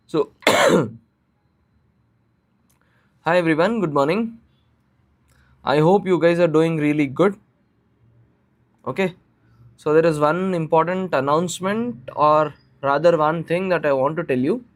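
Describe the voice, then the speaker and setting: A man with an Indian accent teaching an informal live online class, repeating phrases and checking in with questions. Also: a little high. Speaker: teacher of exam preparation class.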